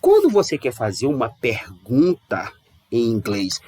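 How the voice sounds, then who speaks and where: A chatty male teacher from Brazil gives a relaxed online English lesson. He drags words out slowly to model their pronunciation. His voice sits at a middle pitch and the recording is dry and close. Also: breathy edge, no echo.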